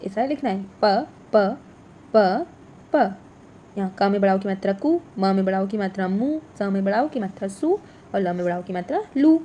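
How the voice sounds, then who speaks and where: A woman teaching a workbook lesson to young children, slow and clear, repeating each letter and word. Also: medium pitch, lively intonation, dark tone, slight background noise.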